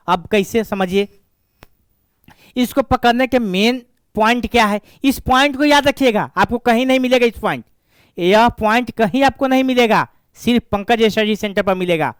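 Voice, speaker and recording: High-voiced male grammar teacher. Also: clear, resonant tone, no echo, clean studio sound. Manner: repetitive, asks and answers his own questions. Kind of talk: classroom grammar lesson.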